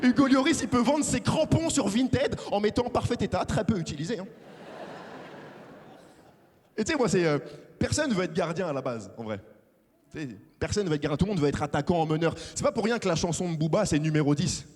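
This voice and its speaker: A young man from France doing a lively stand-up comedy set, acting out characters in a big theater. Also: high-pitched, fast talker. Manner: animated, acts out characters. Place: large theater stage with audience. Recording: live hall reverb.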